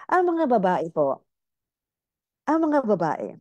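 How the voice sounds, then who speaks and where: Slow, warm-voiced woman doctor, teasing. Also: medium pitch, very animated, no echo, highs cut off. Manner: playful, teasing, addresses listeners directly. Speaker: doctor giving a health talk. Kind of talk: casual health lecture.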